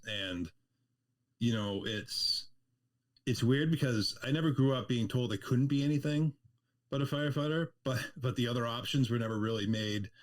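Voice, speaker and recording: A man with a strong Boston accent telling personal stories in a casual interview as a firefighter guest, plain-spoken and salty. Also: on the low side. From Massachusetts, United States.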